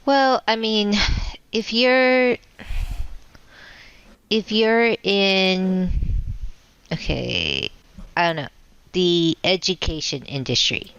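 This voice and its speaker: A woman's voice: mid-range voice, creaky, a bit bright, clear, resonant tone, dull audio. A woman co-hosting a casual podcast chat, speaking hesitantly with many fillers. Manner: unhurried, hesitant, filler-heavy. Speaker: podcast co-host.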